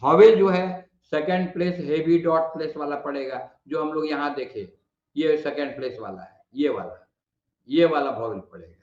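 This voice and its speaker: A man with a Bihari Hindi accent teaching a shorthand lesson, patiently repeating vowel sounds and explaining slowly. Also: a little high, a little mellow. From India. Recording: muffled, echoey room.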